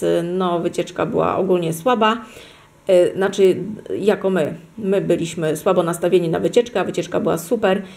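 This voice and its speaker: This middle-aged woman has a lowish, somewhat dark voice and chats casually with her viewers from a table at home. She shows her souvenir fridge magnets in a rambling vlog, often correcting herself and addressing the audience directly.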